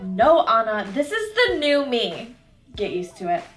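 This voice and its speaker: A woman's voice: a little high, sing-song, unhurried, soft background music. A woman playing a haughty, scheming evil fairy posing as a sweet princess in a children's parody, with theatrical, imperious villain menace. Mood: haughty, scornful. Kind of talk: campy children's parody sketch acting.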